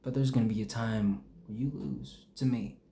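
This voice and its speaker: A man delivering a wrestling promo as a wrestler, with menacing, deliberate trash talk. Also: medium pitch, steady tone, vocal fry, warm tone.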